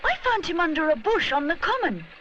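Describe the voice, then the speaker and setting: A woman's voice: extremely high pitch, sing-song, brisk, sharp tone, muffled recording, slight background noise, pitched above the performer's own voice, exaggerated voice. A woman voicing an eager, kind and curious young boy bear for a children's cartoon story, earnest and full of exclamation.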